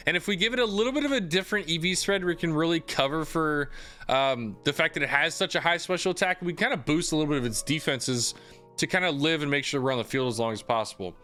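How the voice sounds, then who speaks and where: A young gaming YouTuber runs through a casual game guide, upbeat and chatty, packing in plenty of fillers. His voice sits fairly high with a sharp edge and a slight hoarseness.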